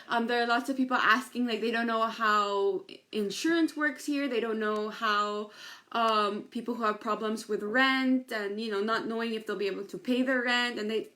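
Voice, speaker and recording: A woman from the Philippines, in her thirties, talks casually to her viewers on a live stream. Her voice sits a little high, and she keeps checking in with "right?" and "um" between thoughts. She speaks into a webcam or phone in her apartment. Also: fairly bright tone. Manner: chatty, frequent "um" and "right?" check-ins. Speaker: parenting coach. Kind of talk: casual Facebook Live talk. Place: apartment at home.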